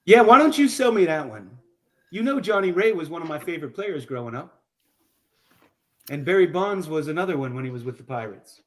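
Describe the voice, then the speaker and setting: A man talking casually on a round-table panel. His voice sits slightly high. He speaks with animation and often restarts, repeating words. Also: expressive, brisk, fairly bright tone. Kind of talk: casual chat.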